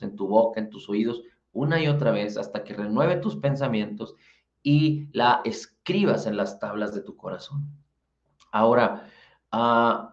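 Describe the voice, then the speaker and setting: Guy preaching a sermon, steady teaching voice, kinda dull lo-fi sound, echoey room. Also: mid-range voice. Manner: steady teaching with repeated lists.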